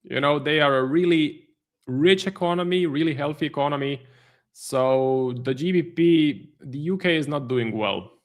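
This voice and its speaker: A man, his voice sitting a bit high for a man, gives live market commentary as a trading stream host. He thinks aloud in loose, halting sentences full of fillers and restarts. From Croatia.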